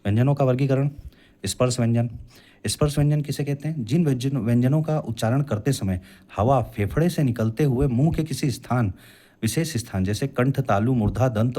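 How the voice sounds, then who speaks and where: A man's voice: mid-range voice, brisk, warm tone. A young man teaching a classroom lecture as an exam coaching teacher, patiently explaining and drawing out sounds to demonstrate them.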